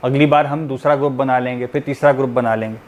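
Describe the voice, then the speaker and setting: A man's voice: mid-range voice, steady tone, fast talker. A man teaching tajweed to a class, patiently explaining and demonstrating each letter sound. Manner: patient, explanatory, often checking in with "theek hai".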